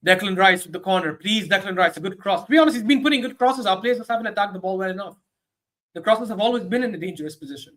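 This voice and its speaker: A man hosting a football watchalong, giving live commentary that swings between low muttering and sudden excited shouts. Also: quick pace. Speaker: host of a football watchalong stream. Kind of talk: live match commentary and reaction.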